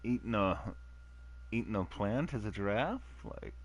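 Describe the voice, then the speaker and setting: Brief: male streamer, casual jokey commentary, swinging pitch, slow delivery. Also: animated. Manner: slow, jokey, mock-outraged asides.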